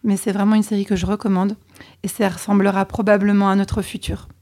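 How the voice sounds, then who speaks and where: A chatty woman answering interview questions with a mellow, warm tone. She talks candidly and hesitates now and then as she thinks. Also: medium pitch, little pitch movement, a little fast. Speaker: podcast co-host being interviewed.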